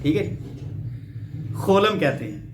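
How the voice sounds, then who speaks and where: A man's voice: a little high, very animated, background noise. A man from Pakistan giving a Bible teaching lecture, explaining step by step and checking in with rhetorical questions. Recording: roomy echo.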